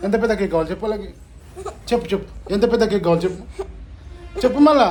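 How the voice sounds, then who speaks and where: A woman's voice: medium pitch, very fast, warm tone. A woman with a Telangana Telugu accent talks into a handheld phone at home, casual and chatty in a mid-range voice. She coaxes and teases the kids between remarks to the camera, with faint household noise in the background. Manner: chatty, coaxing and teasing with the kids. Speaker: family vlogger. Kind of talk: casual home vlog, talking to camera and children.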